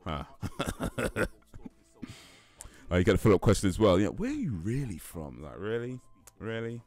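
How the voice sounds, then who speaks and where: The voice is on the low side and a little mellow, swinging hugely in pitch at normal speed. It belongs to a young British livestream host chatting casually with viewers, easygoing, frequently laughing, and leaning on fillers and repeats.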